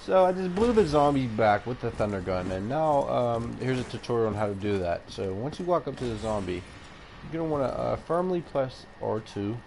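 A man talking through a voice changer that makes his voice sound deep and disguised, chatting casually and crudely while streaming a game with friends. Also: expressive, fairly quick, creaky, darkish tone, a little hiss or hum. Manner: crude, joking, laid-back slang. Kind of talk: casual joking gameplay chat.

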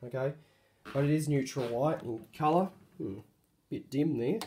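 A man hoarse from a cold casually narrates a show-and-tell of a light fitting he refurbished, hesitating with many ums and restarts. He records indoors on a handheld phone, speaking at a moderate pace in a mellow, mid-range voice.

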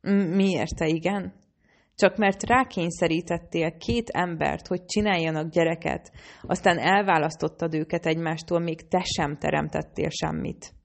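A woman's voice: on the low side, steady tone, gravelly. A woman reading the lines of an outspoken young woman who snaps back indignantly, in an audiobook. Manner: snapping, indignant.

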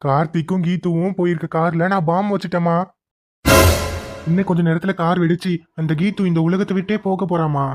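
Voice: mid-range voice, steady tone, brisk, music in the background, close to an everyday voice. A performer voicing a foolish, boastful young villain son in a cartoon, smug and whiny. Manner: smug, whiny when scolded. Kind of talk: cartoon voice acting.

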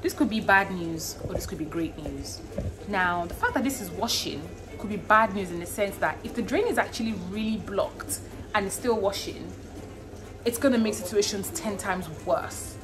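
In a cook-along vlog, a young woman chats casually and expressively as she cooks at home, holding her phone in hand to film. She speaks in a mid-range voice at a moderate pace, with music playing beneath.

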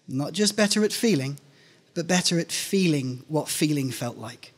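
A middle-aged man with a fairly high, expressive voice and a breathy edge reads at a moderate pace. The piece is a scripted first-person short story, delivered at a live event on an indoor stage through a microphone on a stand close in front.

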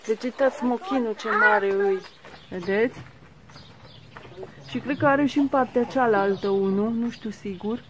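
A woman's voice: a little high, long pauses, a crowd in the background. A woman filming a casual walking vlog in a village garden on a phone, exclaiming often and talking to her viewers. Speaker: vlogger.

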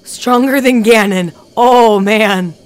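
Chatty woman streamer, excitable. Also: a little high, slow pace. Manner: chatty, excitable, thinks out loud. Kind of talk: live gameplay commentary.

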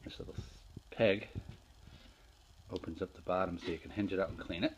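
A hobby woodworker from Northeastern Pennsylvania shows off his projects in his home garage, talking casually to a handheld phone camera in a show-and-tell vlog. His voice sits low with fairly even intonation, plain and unhurried, full of fillers and restarts. The low-quality recording carries a little hiss or hum.

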